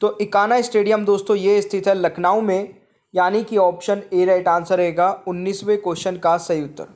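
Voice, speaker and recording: A man with a high voice talks over quiz slides as a teacher. He reads every question, repeats it to his viewers, and then states the answer plainly. His steady classroom patter keeps to a fixed routine. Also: moderate pace. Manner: repeats each question, addresses viewers as friends. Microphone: voice-over on screen slides.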